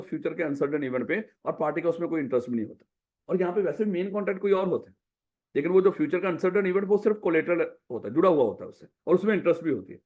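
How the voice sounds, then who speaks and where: A man's voice: on the high side, a little mellow. A man teaching a revision class in business law. He asks the class questions, answers them himself, and calls the students "my child". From Pakistan.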